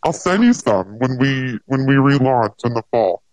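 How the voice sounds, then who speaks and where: Robot voice changer, deep lowered pitch, chatty host, upbeat, dry close sound. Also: lively intonation, normal speed, darkish tone, dry recording, rough recording. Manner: chatty, upbeat, filler-heavy. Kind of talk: casual live audio interview.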